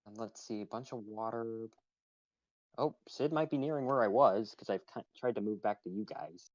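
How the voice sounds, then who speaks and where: A man's voice: on the low side, normal speed, a little mellow, dry recording, dull audio. A man playing along in a game chat, talking hesitantly with many restarts. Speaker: fellow player. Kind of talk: casual gameplay chat.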